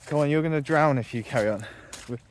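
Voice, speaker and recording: This farm vlogger has a fairly high voice and speaks quickly, with a faint hiss or hum behind him. He strolls past a ditch and fields, talking casually and thinking aloud.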